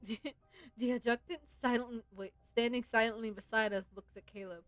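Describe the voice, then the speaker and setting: Speaking at normal speed with fairly even intonation, this woman has a fairly high voice and no echo. She's streaming a game live, chatting casually, and reading its story aloud with giggly, playful fan commentary over game music.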